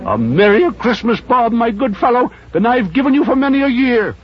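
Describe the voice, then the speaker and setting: A man voicing Scrooge, an elderly reformed miser, giddy and overjoyed, in a high, cracking excited falsetto. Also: moderate pace. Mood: jovial. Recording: dull lo-fi audio with faint music.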